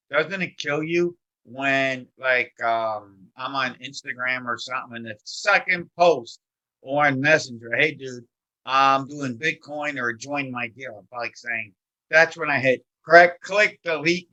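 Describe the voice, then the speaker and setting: A man's voice: mid-range voice, a little slow, bright, forceful tone, muffled recording. A man hosting a podcast interview, chatty and joking, often apologizing. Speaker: podcast host. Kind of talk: casual interview chat.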